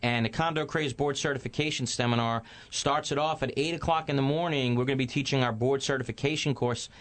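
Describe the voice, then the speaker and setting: A man's voice: mid-range voice, fairly even intonation, fairly quick, a bit bright. A man hosting a call-in radio talk show, addressing listeners and interviewing guests. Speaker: radio host, attorney.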